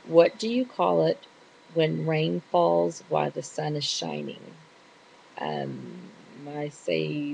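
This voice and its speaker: A woman's voice: deep voice, vocal fry, a little mellow, low-quality recording. A middle-aged woman with a Texas accent, chatting casually and rambling a little as she answers questions. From Texas, USA. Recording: hissy home recording.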